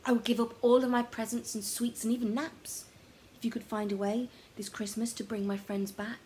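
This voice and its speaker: A woman voicing a young boy making a heartfelt Christmas wish, speaking softly and partly in a whisper. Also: fairly high pitch, level tone, moderate pace, a little hiss or hum, close to an everyday voice, rough recording. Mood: wistful.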